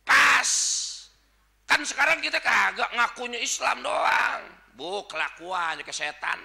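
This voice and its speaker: A man with a Betawi Jakarta accent preaching a dawn sermon, joking and swinging from quiet asides to shouted points. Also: extremely high pitch, expressive, a little slow, vocal fry.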